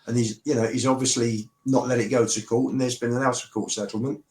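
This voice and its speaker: A man with a medium-pitched voice chats in a casual, opinionated way about football. The sound is roomy and echoey. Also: little pitch movement, quick pace, a little mellow.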